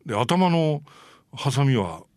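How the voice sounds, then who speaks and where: A man's voice: medium pitch, slow pace, no echo. A male host telling film history stories in a chatty way, full of fillers and small acted-out quotes. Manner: animated, briefly acts out quoted people. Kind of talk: casual storytelling about film history.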